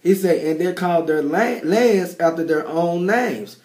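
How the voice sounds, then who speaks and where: Hoarse man preaching, slightly high voice. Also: lively intonation, measured pace, a little mellow, reverberant. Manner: informal, vernacular phrasing. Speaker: street preacher and Bible teacher. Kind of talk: sermon with scripture reading and commentary.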